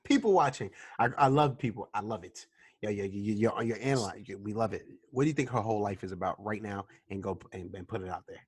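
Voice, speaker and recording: A man in his twenties hosts a podcast, chatting casually and telling a story in slangy speech full of repeated words. His voice is fairly low and fast, with a breathy edge.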